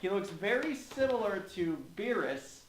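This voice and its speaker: A man's voice: sits high, lively intonation, moderate pace. A man narrating part of a tabletop game and chatting as a player, with filler words and jokey asides. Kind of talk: casual tabletop chat. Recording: echoey room with faint noise.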